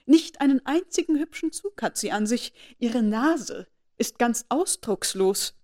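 A woman's voice: fairly high pitch, normal speed, darkish tone, lightly acted. Woman voicing jealous society lady, snide, needling, storybook reading. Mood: disdainful.

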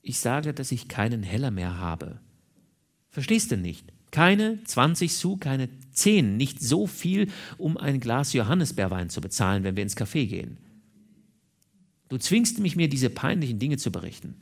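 A man's voice: medium pitch, sing-song, normal speed. A man reading an audiobook and voicing a moody young man who pleads and stammers with his lover. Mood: ashamed. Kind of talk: audiobook character voice.

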